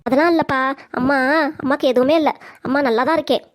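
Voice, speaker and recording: திருநெல்வேலி வட்டார வழக்கில், வருத்தத்துடன் கெஞ்சியும் தன்னைக் காத்துக்கொண்டும் பேசும் இளம் மருமகளாக ஒரு பெண் குரல் கொடுக்கும் cartoon. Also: female voice, high-pitched, fast, close to an everyday voice. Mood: tearful. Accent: Tirunelveli Tamil. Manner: pleading, emotional. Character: young wife, pleading and hurt daughter-in-law. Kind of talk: cartoon comedy voice acting.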